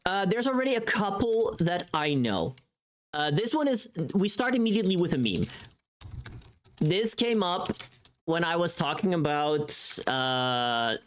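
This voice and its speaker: Chatting casually on a livestream, a deep-voiced woman addresses her viewers in a scattered way. She's expressive and quick to put herself down.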